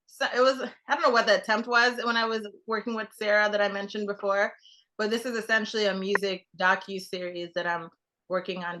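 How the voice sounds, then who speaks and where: A young Trinidadian woman, by profession a television producer, rambles through a casual guest chat, restarting often and using many fillers. Her medium-pitched voice sounds pushed and bright.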